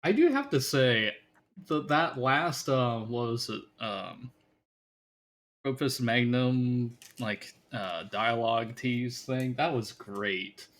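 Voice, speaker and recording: A man chatting casually on a live stream, relaxed and laughing often, speaking into a home desk mic. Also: medium pitch, slow pace. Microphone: home desk mic, moved away.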